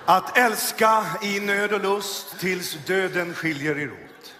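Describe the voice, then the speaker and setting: A man imitating a solemn male priest officiating a wedding, speaking slowly and intoning. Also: high-pitched, natural voice. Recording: echoey hall with faint music.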